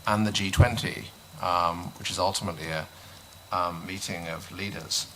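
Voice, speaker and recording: A male panelist answering a question at a conference, measured, pausing often with "um". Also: low voice, fairly even intonation, sharp tone, slight background noise, low-quality recording. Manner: measured, many "um" pauses, dry aside. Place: conference hall.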